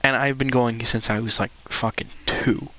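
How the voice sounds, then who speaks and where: Young man, podcast host, bright tense voice, profane, animated storytelling. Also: mid-range voice, moderate pace, slight background noise. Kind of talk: casual chat.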